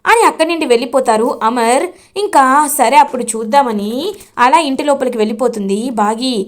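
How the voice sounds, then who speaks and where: A woman retells a television serial episode scene by scene in a lively, flowing storyteller voice. Her voice sits high. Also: a little fast.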